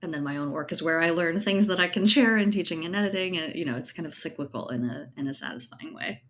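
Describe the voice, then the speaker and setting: A woman, a writer and editor, talks as a guest in a casual interview, thoughtful and informal, often checking in with small tag questions. Her voice is low-pitched and she speaks fast.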